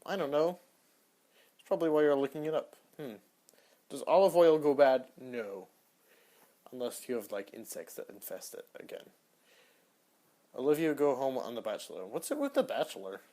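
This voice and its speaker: A young man hosting a casual solo podcast, answering search-engine questions in an offhand, rambling way that often trails off quietly. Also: mid-range voice, lively intonation, moderate pace, long pauses. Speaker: podcast host.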